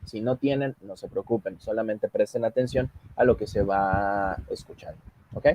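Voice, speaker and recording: A man's voice: on the low side, moderate pace, a little mellow, a little hiss or hum. Patient man teaching English. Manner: explains patiently, switches between Spanish and English. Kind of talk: online class instruction.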